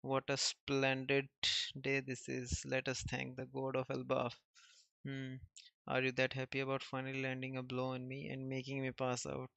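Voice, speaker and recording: A man reading the lines of a boisterous, proud old giant warrior in a comic, louder than his usual reading voice. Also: mid-range voice, completely flat delivery, moderate pace, vocal fry, no room sound, muffled recording. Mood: hearty.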